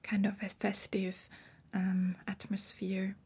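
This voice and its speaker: Slow and monotone, a young Swiss woman in her twenties lays out explanations on the podcast she hosts, revising her words as she goes. Her mid-range voice is a little mellow and has a breathy edge.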